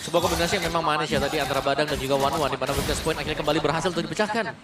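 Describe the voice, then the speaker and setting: A man's voice: on the high side, rapid-fire, over a noisy crowd. A man with an Indonesian accent giving analytical esports commentary as a co-caster. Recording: echoey, distant, music behind.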